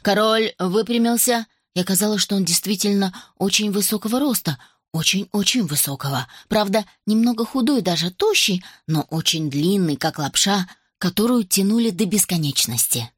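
Female storybook narrator, animated reading, dry studio feel. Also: mid-range voice, moderate pace, husky, no echo. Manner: lively, expressive reading.

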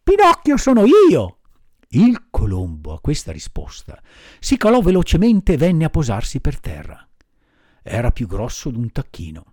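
A man reading a classic children's story aloud in a measured, expressive narration. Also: mid-range voice, breathy edge, no room sound, studio quality. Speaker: audiobook reader.

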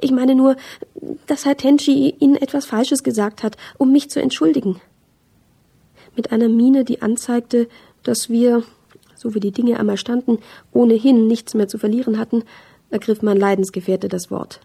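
A woman's voice: on the high side, steady tone, normal speed, vocal fry, mellow, breathy edge. A woman reading a first-person novel aloud for radio, in earnest, flowing narration.

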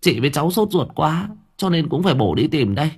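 A man voicing a distraught middle-aged village mother, with a high, wailing and anxious voice. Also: sing-song, moderate pace, breathy edge. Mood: pleading.

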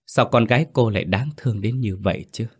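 A man narrating a ghost story in a steady, somber reading. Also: on the low side, brisk, husky.

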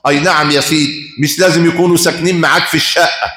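A man with an Egyptian accent preaching a sermon, his voice sitting a little high. He spins stories with passion and keeps pressing his listeners with questions. His voice rings through a roomy, echoing space. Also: fairly even intonation, racing, pushed and bright. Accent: Egyptian Arabic. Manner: impassioned storytelling, rhetorical questions. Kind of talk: Friday sermon. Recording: roomy echo.

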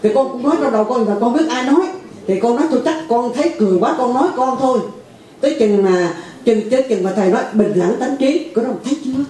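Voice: mid-range voice, warm tone. A retreat attendee tells a long, rambling story and then asks the teacher a question. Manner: rapid, rambling account. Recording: echoey hall, from far off.

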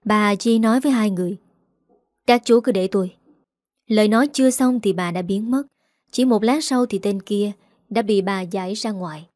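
A woman narrating a story in a steady, even reading. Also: mid-range voice, fairly quick, dry recording, studio quality.

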